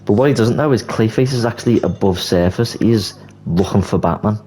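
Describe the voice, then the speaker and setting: Brief: young guy, very low voice, loose rambling fan chatter, soft music underneath. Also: brisk. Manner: rambling, leans on "like" fillers. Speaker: video creator. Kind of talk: casual movie commentary. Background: soft background music.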